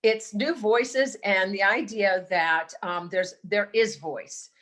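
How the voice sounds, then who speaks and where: A woman giving thoughtful, halting remarks on a video call, often restarting her sentences. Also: mid-range voice, a bit bright. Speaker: meeting participant on a science policy team. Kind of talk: online meeting remarks.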